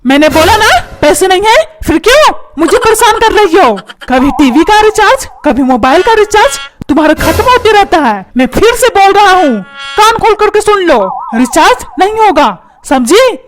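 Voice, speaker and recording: A woman's voice: extremely high pitch, very animated, normal speed, a little hiss or hum. A woman voicing a short-tempered, stingy middle-aged father in a cartoon, scolding and barking orders. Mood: angry scolding. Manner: scolding, shouting orders, repeats words mockingly. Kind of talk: cartoon comedy voice acting.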